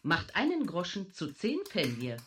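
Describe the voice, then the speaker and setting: A woman voicing a talking coin payphone in a radio play, curt and officious, with a distant quiet payphone sound. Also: on the low side, wildly swooping pitch, background noise. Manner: curt, officious, slow commands.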